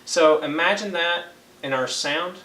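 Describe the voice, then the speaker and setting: A man's voice: fairly high pitch, a little slow, pushed and bright. A young man teaching a one-on-one brass lesson, patient and checking in with frequent okays. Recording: echoey room, faint ambient noise.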